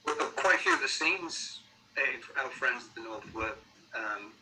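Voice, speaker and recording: A middle-aged or older man with a Sunderland accent, chatting casually as an interviewed musician, halting and repeating words as he thinks. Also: mid-range voice, expressive, pushed and bright, a little hiss or hum, rough recording. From Sunderland, North East England.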